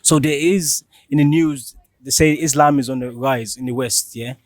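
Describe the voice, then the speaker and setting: A man's voice: mid-range voice, normal speed, no echo, studio quality. A man working as a street interviewer, asking questions in a casual, conversational style.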